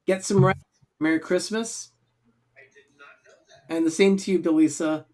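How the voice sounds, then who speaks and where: A man's voice: high-pitched, fairly even intonation, a little slow, darkish tone. A man co-hosting a casual watch party, earnestly walking friends through the plot. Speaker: co-host.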